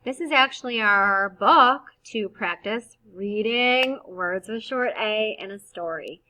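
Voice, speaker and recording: A woman teacher giving a gentle, encouraging reading lesson to first graders, slowly sounding out each word. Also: medium pitch, rough recording.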